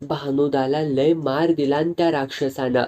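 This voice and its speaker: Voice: fairly even intonation, measured pace, dark tone, close to an everyday voice. A storyteller voicing a humble, wary village man who speaks in rustic, plain village talk. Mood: sorry. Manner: rustic, plain-spoken, low-key. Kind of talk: storytelling with character voices.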